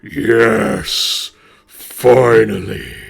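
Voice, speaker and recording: A man voicing a booming, triumphant dark god with a loud godlike shout in a tabletop game. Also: very animated, extremely slow, vocal fry, exaggerated voice.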